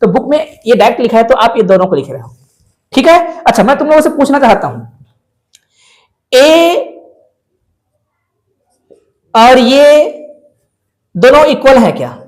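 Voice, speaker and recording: A man's voice: very high voice, very animated, a little slow, long pauses. Male maths teacher, classroom lecture, keeps quizzing and coaxing the students. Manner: coaxing, questions students often. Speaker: math teacher.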